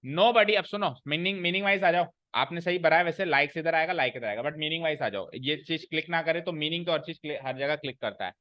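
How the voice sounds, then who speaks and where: A man's voice: on the high side, fast talker, hardly any pauses, no echo, lo-fi sound. Man teaching grammar to a class. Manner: explains by repeating and asking the class questions. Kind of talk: classroom lecture.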